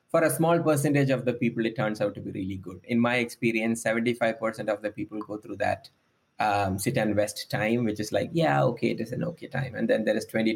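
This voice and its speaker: Husky-voiced founder. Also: male voice, on the low side. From India. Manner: thoughtful, hesitant with frequent ums. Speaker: startup founder guest. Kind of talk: podcast interview.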